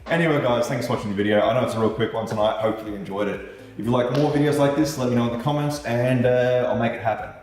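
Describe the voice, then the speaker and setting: A knife maker who grew up speaking German first chats to his viewers in a laid-back vlog, dropping the odd swear word as he races along at a medium pitch with fairly even intonation and a slightly mellow tone. He's in a room with a light set up, and the echoey space and distant mic shape the sound.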